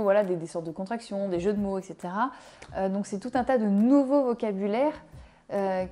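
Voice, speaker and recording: A woman's voice: medium pitch, mellow. Chatty young woman reviewing a book. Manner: chatty, with frequent hesitations. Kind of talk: casual audiobook review.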